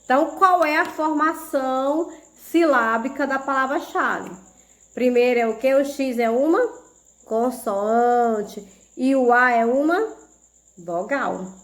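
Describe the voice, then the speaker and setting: A woman's voice: high voice, slow pace, a bit bright. A Brazilian woman teaching a video lesson to young pupils, explaining patiently step by step and checking they follow. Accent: Brazilian Portuguese. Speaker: primary school teacher.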